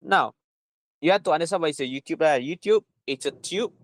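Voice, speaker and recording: A man's voice: fairly high pitch, a little fast. A man with a Malaysian accent giving an informal lesson as a tutor, repeating himself and often tagging phrases with little checking words. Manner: repetitive, punctuating with "right?" and "lah". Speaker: chemistry tutor.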